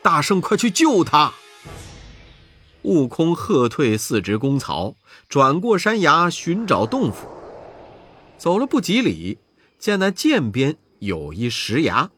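Slow, expressive male storyteller. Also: on the high side, husky, soft background music. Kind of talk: children's story narration.

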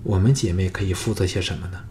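A male audiobook reader voicing a bashful, timid young woman in a soft, pleading way. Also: deep voice, steady tone, quick pace, slight background noise. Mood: shy.

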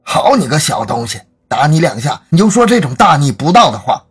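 A man voicing an angry village father who scolds his young son in a gruff way. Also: medium pitch, huge pitch swings, fairly quick, a bit bright, soft background music, pitched below the performer's own voice, heavily acted.

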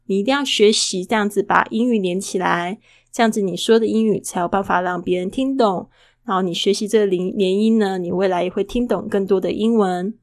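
A woman hosting a casual podcast lesson, chatty and full of rhetorical questions, who slowly models English words and repeats them. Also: medium pitch, steady tone, no room sound, clean studio sound. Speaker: English teacher and podcast host.

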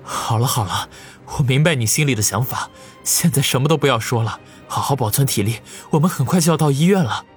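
A man's voice: medium pitch, expressive, brisk, faint music behind, voice pushed up, close to an everyday voice. A man voicing a desperate young man who pleads in a choked, urgent way. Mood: urgent, pleading.

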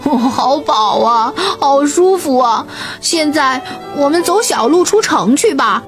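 Dog voiced by a woman: sleepy, gentle storybook hound, slow drawling lines. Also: high voice, animated, music in the background. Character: hungry, drowsy, good-natured dog. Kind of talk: storybook character voice.

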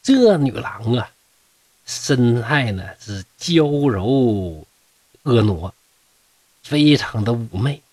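Man, middle-aged, Northeastern Mandarin accent, comic storytelling, animated pitch, close dry sound. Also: no echo. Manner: folksy, joking asides, talks to listeners. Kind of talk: comic folk-tale storytelling.

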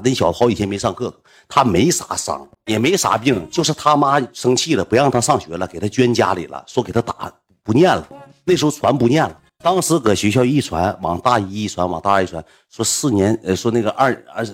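A man's voice: on the low side, husky. A young man with a northeastern Chinese accent telling a story in a casual, slangy, boastful way, acting out the voices.

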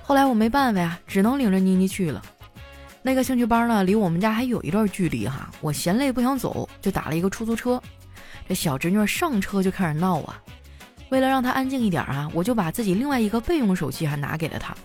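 Animated woman comic storyteller. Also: mid-range voice, quick pace, faint music behind. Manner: animated storytelling, chatty filler particles. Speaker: comedian. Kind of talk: stand-up comedy monologue.

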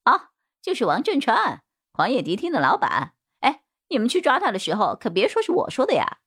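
A fawning, cowardly male gang boss, put on by a woman pleads in a squeaky, jumpy voice that swings wildly up and down. He sounds eager to please and quick to fold under questioning, like a frightened crook in a spoken crime story. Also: huge pitch swings, a bit bright, breathy edge, heavily acted.

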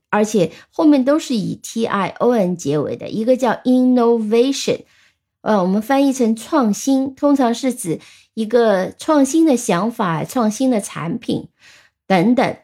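A woman teaching English vocabulary in a patient, step-by-step way, slowly repeating example sentences and spelling words out letter by letter. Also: on the high side, very animated, a little mellow. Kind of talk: vocabulary lesson.

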